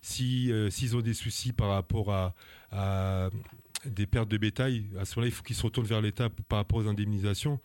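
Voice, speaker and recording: On a radio interview, a man from France who is an activist talks briskly in a lowish, darkish voice with fairly even intonation. He comes across as earnest and indignant, often hesitating, using fillers and restarting sentences. No echo is heard.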